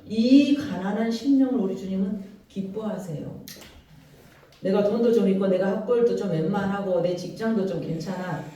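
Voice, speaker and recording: A pastor with a Jeolla Korean accent preaching a sermon, animated, often acting out prayers and quotes. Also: mid-range voice, moderate pace. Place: large church sanctuary. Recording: very echoey church hall, voice from far off.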